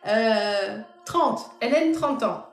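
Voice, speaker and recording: A woman medium does a live-stream reading, chatting casually and directly with her viewers. Her voice sits fairly high and moves a great deal in pitch. The room sounds echoey, with faint music underneath. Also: big pitch swings, slow pace. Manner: casual, talks straight to the audience.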